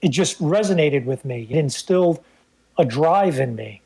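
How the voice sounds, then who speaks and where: Guest co-hosting a film podcast, a Bronx man in his fifties with a New York accent, whose native language is Italian, shares personal stories in a casual way. His voice sits on the high side and is gravelly and mellow yet slightly rough. He is animated at a moderate pace, and the recording is rough.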